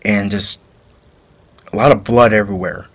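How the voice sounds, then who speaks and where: A man playing a male killer who confesses a brutal fight in a halting, rambling way, in an amateur home-video drama. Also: on the low side, fairly even intonation. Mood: flat confessing. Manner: halting, rambling storytelling with restarts.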